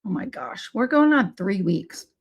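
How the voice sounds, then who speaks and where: On her live-streamed play therapy podcast, the host speaks in a sing-song way despite a hoarse, scratchy, squeaky voice caused by laryngitis. She takes her time, sounds friendly, and occasionally corrects herself.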